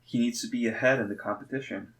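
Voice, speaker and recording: A man's voice: mid-range voice, steady tone, fast talker, slightly rough. A man in his twenties co-hosting a casual chat while drawing, laid-back with dry jokes. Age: 20s. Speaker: co-host.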